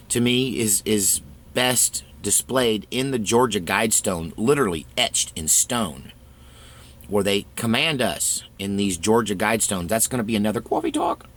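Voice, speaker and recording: A man's voice: fairly low pitch, big pitch swings, moderate pace, fairly bright tone. A man hosting his own channel, talking through a casual, rambling monologue with frequent restarts. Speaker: channel host.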